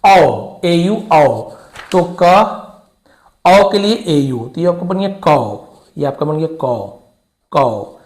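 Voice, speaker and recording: A man's voice: on the high side, animated, takes it slowly, pauses often, a little mellow. Man teaching with an echoey room sound. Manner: patient and repetitive, voices student questions himself. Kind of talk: classroom-style lesson.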